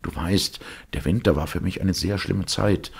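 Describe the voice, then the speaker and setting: A man's voice: deep voice, fairly even intonation, normal speed, vocal fry, slightly rough, full character voice. A man voicing a humble, naive young gardener who talks in an eager, grateful way, in a storybook reading. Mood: earnest.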